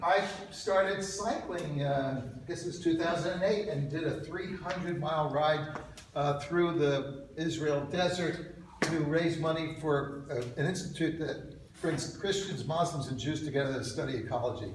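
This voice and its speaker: A man's voice: a little high, moderate pace. A man in his sixties giving an informal, off-the-cuff lightning talk about himself with slides, with wry, self-deprecating asides. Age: 60s. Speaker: speaker at an alumni reunion talk. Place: echoey indoor presentation room. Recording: very echoey room, distant mic, loud noise.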